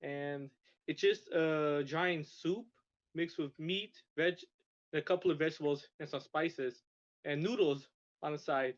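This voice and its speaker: A young Russian man with a slightly high voice tells stories as a podcast guest at a measured pace. He rambles casually, restarting and stammering often. The lo-fi recording sounds dull.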